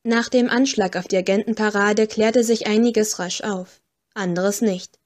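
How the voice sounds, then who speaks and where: A woman reading an audiobook in a steady, measured first-person narration. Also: medium pitch.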